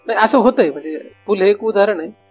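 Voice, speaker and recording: A man's voice: high voice, brisk, husky, soft background music. A man with a Marathi accent giving a devotional discourse as a spiritual teacher, talking conversationally and putting rhetorical questions to his listeners. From India.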